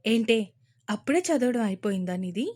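A strict young mother who scolds her family and stammers when cornered, as a woman reads her in an audio story. The voice is fairly high and close to the reader's own. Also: lively intonation, moderate pace, dark tone. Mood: scolding.

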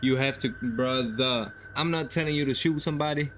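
A man hosting a reaction video, in casual, animated, slangy commentary that talks back to the story. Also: mid-range voice, normal speed, slight background noise. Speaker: reaction channel host.

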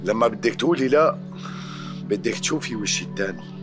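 A man's voice: lowish voice, lively intonation, brisk, natural voice. An actor with a Levantine Arabic accent playing a stern, commanding father who arranges his daughter's marriage. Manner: authoritative, commanding. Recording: music bed under the voice.

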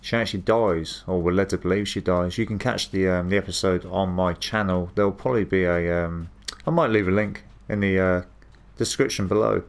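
A man's voice: sits low, steady tone, brisk, creaky. A man giving casual, chatty commentary over a video game, swearing now and then. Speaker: gameplay commentator.

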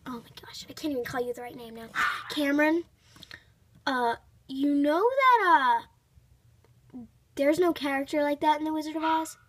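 A young girl voicing an easygoing, hesitant father in dollhouse play, muttering in a low-key way. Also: moderate pace, long pauses, a little hiss or hum, natural voice. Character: doll father, easygoing, hesitant grown man.

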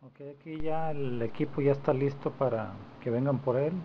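Recorded indoors on a handheld camera using its microphone, a man shows repair techniques in an informal demonstration. His mid-range voice moves at normal speed, and the audio is dull and lo-fi with clear background noise.

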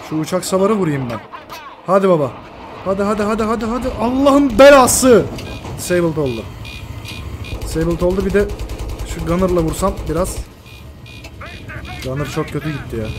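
A man commentating his own shooter gameplay, excitable, swearing and shouting at his teammates. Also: high voice, a little fast, long pauses, background noise. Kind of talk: live gaming commentary.

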